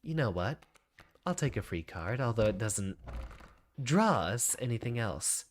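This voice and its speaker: A man's voice: mid-range voice, big pitch swings, a little slow, slight background noise. A man giving casual commentary as he plays a card game, boastful and thinking aloud. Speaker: streamer playing a card game. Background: music.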